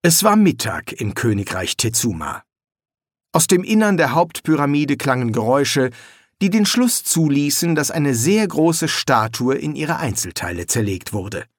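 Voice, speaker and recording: Man narrating an audiobook, slow and lively. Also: medium pitch, dry recording, studio quality. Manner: measured, expressive reading. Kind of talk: scripted storybook narration.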